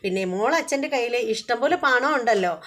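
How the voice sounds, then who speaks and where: A woman's voice: a little high, expressive, fast talker, fairly bright tone. A woman voicing a scheming, status-proud middle-aged mother who talks in a coaxing, scornful way.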